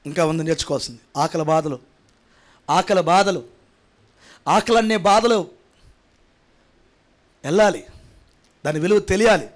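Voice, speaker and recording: A male pastor with a notably high voice delivers a sermon, piling up repeated phrases. He drops to quiet, intimate asides and then climbs to shouted, ringing peaks. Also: measured pace, pauses often. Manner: emphatic, repetitive preaching, swinging from quiet to shouted. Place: church prayer hall.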